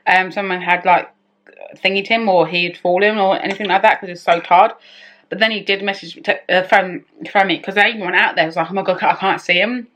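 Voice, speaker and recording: This is casual story-time chat from a woman vlogger whose voice is on the low side and fairly bright. Her intonation is fairly even and her pace fairly quick, and she rambles, often breaking off mid-sentence to start again.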